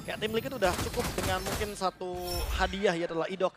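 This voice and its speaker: A man's voice: sits high, steady tone, fast. A man giving analytical esports caster commentary on a match. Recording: music behind the voice. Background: music.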